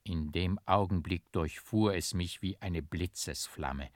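A man reading a story aloud as an audiobook, measured and dramatic. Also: low voice, no echo, clean studio sound. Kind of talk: audiobook narration.

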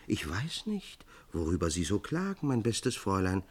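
A man's voice: fairly low pitch, lively intonation, unhurried. A man doing a pompous young poet. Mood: gushing. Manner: pompous, effusive. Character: vain young male court poet, flowery.

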